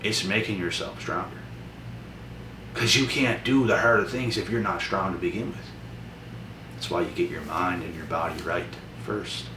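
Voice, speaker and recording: Blunt, deep-voiced young man preaching. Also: fairly even intonation, moderate pace. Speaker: motivational vlogger. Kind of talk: motivational monologue to camera. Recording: echoey room from a distance with noise.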